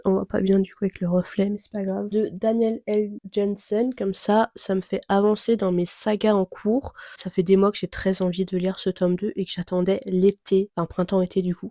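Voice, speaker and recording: A young woman chatting casually to camera about her reading plans, rambling with many fillers and soft laughs. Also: medium pitch, no room sound, studio quality. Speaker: book vlogger.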